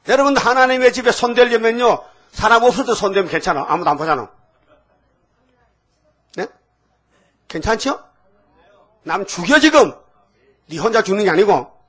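A man's voice: high voice, a bit bright. An older man preaching a sermon to his congregation in a folksy, teasing way, often tossing questions back to the listeners. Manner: folksy, call-and-response, asking the congregation "응?". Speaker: pastor.

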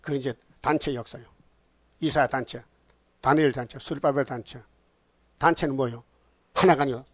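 A man's voice: medium pitch, steady tone, normal speed, long pauses, no echo. A man pastor preaching a sermon, reading scripture aloud and pressing his points with rhetorical questions. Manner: emphatic, rhetorical questions to the congregation.

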